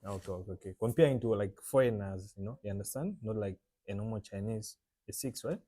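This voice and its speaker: A man from Malawi hosts a relaxed interview, calling his guest "bro" and rewording his questions until they land. His voice sits low and dark, and the sound is dry and close. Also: fast, no room sound. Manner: friendly, calls guest "bro", repeats questions. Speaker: host, interviewer. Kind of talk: casual interview.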